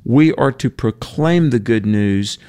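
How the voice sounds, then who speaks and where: In a conversational radio discussion of faith, a man with a mellow, clean, middle-pitched voice speaks slowly but with animation and earnestness. He quotes verses, leans on fillers, and restarts often, all captured dry and close with no room sound.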